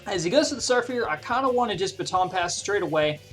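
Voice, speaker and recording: Fast-talking, with lively intonation, a medium pitch, and a somewhat bright tone, a video creator narrates their own game battle. They think aloud in a conversational way, walking through every decision, over background music.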